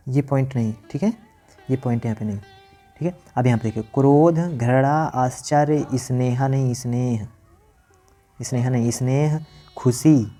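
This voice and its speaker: A man's voice: mid-range voice, dark tone. A man teaching an exam-prep lesson, going through it point by point, repeating lines and asking and answering his own questions.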